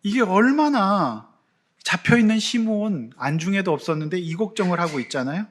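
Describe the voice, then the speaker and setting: Man, pastor, sermon, animated, swelling to loud peaks, high-ish voice. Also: moderate pace.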